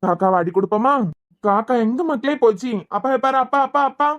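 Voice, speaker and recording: Angry cartoon dad voiced by a woman, high-pitched and fast, Kanyakumari accent. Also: lo-fi sound, very noisy, natural voice. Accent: Kanyakumari Tamil. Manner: scolding, raising his voice. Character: angry young husband and father, hot-tempered. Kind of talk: cartoon serial voice acting.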